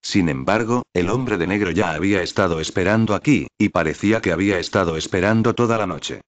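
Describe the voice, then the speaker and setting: A man reading a novel recap as scripted narration, in an even, flat manner. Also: low voice, brisk, no echo.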